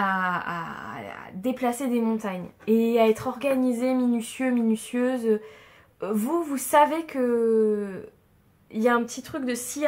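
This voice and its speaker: A woman doing a casual tarot card reading for her viewers, chatty and reassuring with many fillers. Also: fairly high pitch. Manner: chatty, warm and reassuring, frequent fillers and soft laughs. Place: home room, with a tripod-mounted camera.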